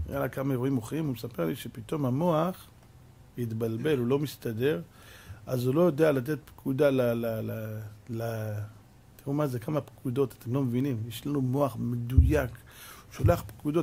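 A rabbi giving a sermon, telling stories with lively acted-out dialogue and pressing rhetorical questions at his listeners. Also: mid-range voice, creaky, husky. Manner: animated storytelling, acts out dialogue, repeated rhetorical questions. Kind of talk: Torah lesson sermon.

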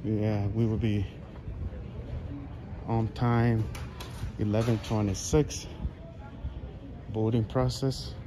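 A man's voice: fairly low pitch, little pitch movement, slow, pauses often. A middle-aged man narrating a casual walking vlog in a rambling, repetitive way into a handheld phone. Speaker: travel vlogger. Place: large indoor airport terminal. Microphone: phone held at arm's length. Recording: noisy airport terminal ambience. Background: clear terminal ambience noise.

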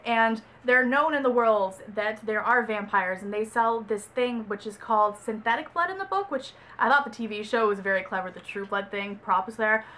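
A woman's voice: on the high side, normal speed, hardly any pauses, fairly bright tone. A young woman from Texas chatting casually about a book she read, rambling and correcting herself as she goes. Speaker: book reviewer. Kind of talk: casual book review vlog.

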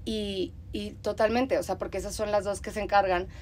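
A young woman with a Mexican accent hosts a relaxed interview at a medium pitch. She talks in an easygoing, conversational way, agreeing readily and laughing often. A faint background noise hangs behind her voice. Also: moderate pace. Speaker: host. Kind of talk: casual interview chat.

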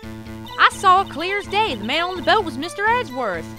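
A brash southern photographer on the stand , played by a woman, blunt and defensive, her voice pitched way up. Game music runs behind her. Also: very animated, normal speed.

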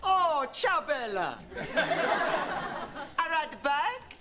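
A clumsy Italian accent. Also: male voice, very high voice, sing-song, a loud crowd, very noisy, heavily acted. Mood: hammy. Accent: fake Italian accent. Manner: hammy, halting broken English. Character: young man faking a clumsy Italian accent. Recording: sitcom clip with loud studio audience.

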